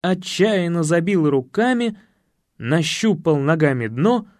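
A man reading a comic story aloud, his voice rising and falling with expression. The recording is close and dry, with a slightly higher than usual pitch. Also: animated, measured pace, a little mellow, no room sound. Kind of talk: audiobook narration.

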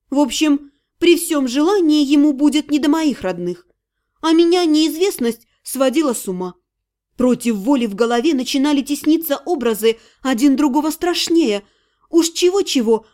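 High-voiced woman reading an audiobook. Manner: expressive, measured storytelling. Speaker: audiobook narrator. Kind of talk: first-person audiobook narration.

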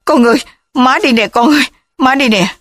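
Bà mẹ hiền trong truyện sách nói, nói nhẹ nhàng, ân cần, do một phụ nữ thể hiện. Âm thanh gần và khô. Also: female voice, mid-range voice, normal speed, no echo, natural voice. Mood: tender, worried. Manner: coaxing, tender. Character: loving, fearful mother, soft and coaxing.

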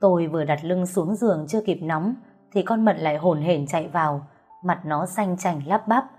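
A woman telling a ghost story in the first person, in a steady, plain storytelling manner. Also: fairly low pitch, normal speed, husky. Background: faint music.

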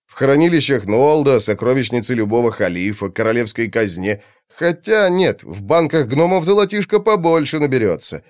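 A man voicing a loud, rough mercenary sergeant who blusters and exclaims, in an audiobook. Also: medium pitch, expressive, moderate pace, no echo, clean studio sound, close to an everyday voice. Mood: excited.

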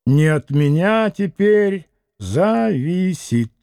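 A man's voice: high voice, sing-song, drawn-out words, gravelly, darkish tone, clear, resonant tone, no echo, clean studio sound, exaggerated voice. A man reading as a curt, haughty doctor. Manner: curt, clipped speech. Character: haughty impatient male doctor.

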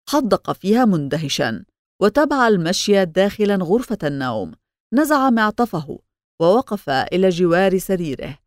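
A woman's voice: lowish voice, dry recording. Woman narrating an audiobook, dry sound. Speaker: audiobook reader. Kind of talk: scripted narration.

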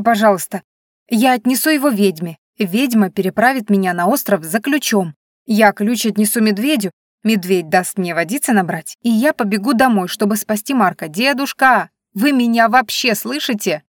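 A woman's voice: mid-range voice, lively intonation, normal speed, dry recording, studio quality, lightly acted. A woman playing an indignant young heroine. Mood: shouting. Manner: loud, insistent, exasperated. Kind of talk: audiobook reading.

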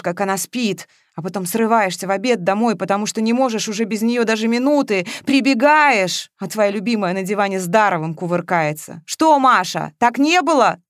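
A woman's voice: mid-range voice, dry recording, clean studio sound, close to an everyday voice. A woman reading the part of an agitated, jealous man who speaks in a raised, heated voice.

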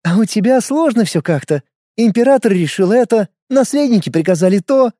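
A man voicing a sharp-tongued, self-assured older woman who talks down to a younger man in a knowing, lecturing way. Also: high-pitched, lively intonation, a little fast, no room sound, studio quality, voice pushed up. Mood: lecturing, breezy.

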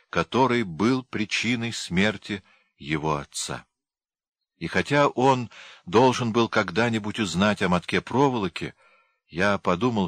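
Low-voiced man narrating an audiobook. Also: a bit bright, no echo.

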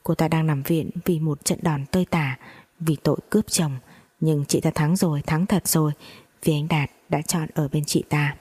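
Low husky woman telling a story. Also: normal speed. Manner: plain, steady reading with gossipy asides. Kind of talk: first-person story narration.

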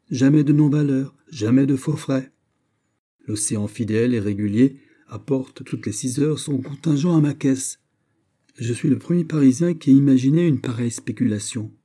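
In an audiobook reading, a man voices D'Artagnan, an aging, proud and sly musketeer, speaking in a brisk, boastful way. His natural mid-range voice is dark and husky, pushed up in pitch.

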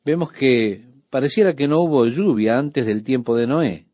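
A man's voice: medium pitch, lively intonation, moderate pace, no echo, dull audio. A man teaching a Bible study on the radio, explaining steadily and speaking directly to the listener.

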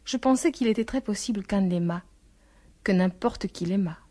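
Woman audiobook narrator, mid-pitched, measured literary reading. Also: dark tone.

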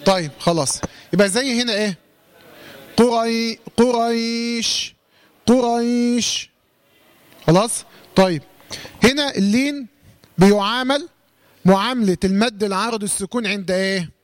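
High-voiced Egyptian man teaching recitation. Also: no room sound. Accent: Egyptian Arabic. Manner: quizzing, asks questions and answers them himself; slowly drawn-out recitation demos. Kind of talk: Quran recitation lesson.

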